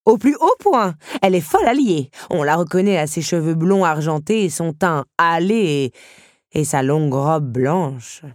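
A woman playing a shrill, grandiose countess. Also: lively intonation, a little slow, no room sound, clean studio sound. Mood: effusive. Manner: theatrical, gushing, turns shrill and commanding. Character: grand, excitable, imperious countess hostess.

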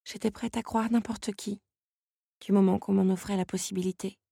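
A woman's voice: mid-range voice, fairly even intonation, moderate pace, vocal fry, dark tone, breathy edge, no room sound, studio quality, pitched above the performer's own voice. A woman reading an audiobook and voicing a despairing young woman who pleads and speaks through tears. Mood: tearful.

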